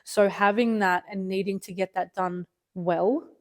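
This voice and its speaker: A woman's voice: medium pitch, fairly even intonation, measured pace. A young woman hosting a podcast, talking candidly and earnestly and swearing freely. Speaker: podcast host.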